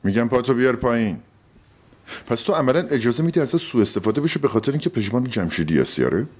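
An actor playing a calm therapist who patiently questions his patient in a sitcom. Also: mid-range voice, breathy edge. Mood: probing. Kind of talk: sitcom acting.

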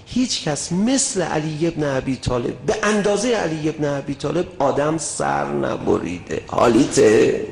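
Guy preaching hard, high voice, goes quiet then yells, lots of room echo. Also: animated, vocal fry, few pauses. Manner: impassioned, swings from hushed to shouting. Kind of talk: sermon. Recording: roomy echo.

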